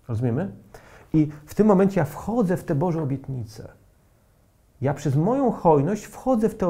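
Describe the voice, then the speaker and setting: Gravelly-voiced man preaching emphatically. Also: medium pitch, mellow. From Poland. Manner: emphatic, rhetorical questions to the audience. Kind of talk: sermon.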